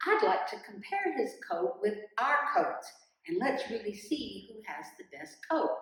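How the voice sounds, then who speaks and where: A woman voicing a group of chatty, excitable forest animals gossiping together. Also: mid-range voice, a little slow. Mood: curious. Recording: roomy echo, distant mic.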